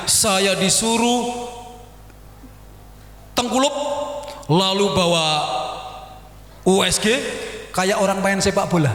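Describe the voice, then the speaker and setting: Animated Javanese-accented man preaching. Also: high-pitched. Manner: animated storytelling, acting out dialogue. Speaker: pastor. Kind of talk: sermon. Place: church hall. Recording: echoey church hall.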